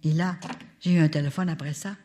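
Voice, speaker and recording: An older woman with a Canadian French accent, telling a testimony at a religious retreat in an animated way and turning often to her listeners. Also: deep voice, fairly quick, a little hiss or hum. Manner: animated, talks straight to the audience. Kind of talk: testimony storytelling.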